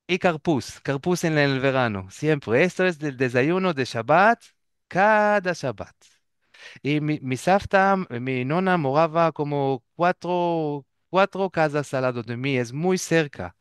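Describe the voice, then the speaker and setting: Guy telling stories, keeps searching for words, smooth clear voice. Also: a little high, lively intonation, no room sound, studio quality. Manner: halting, searches for words, restarts often. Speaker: guest. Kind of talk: casual storytelling.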